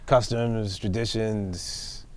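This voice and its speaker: A man from Nigeria who teaches networking, being interviewed in a relaxed, gently teasing way. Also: lowish voice, very slow. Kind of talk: casual interview.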